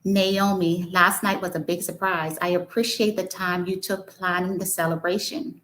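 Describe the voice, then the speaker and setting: A tender, devoted pastor in his early forties speaks to his wife, as a woman reads his lines aloud. The voice sits low and stays close to plain reading. It is a calm storybook read-aloud. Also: moderate pace, close to an everyday voice, rough recording. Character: loving pastor husband, man around forty.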